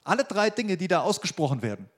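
Guy preaching a sermon, kinda high voice, hammers his points home. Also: big pitch swings, quick pace. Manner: emphatic, repeats key phrases, acts out quoted voices. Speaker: pastor.

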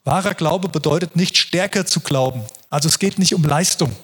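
Earnest husky-voiced male preacher. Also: a little high, normal speed, a bit bright. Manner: earnest, reflective, with frequent restarts. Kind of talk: sermon.

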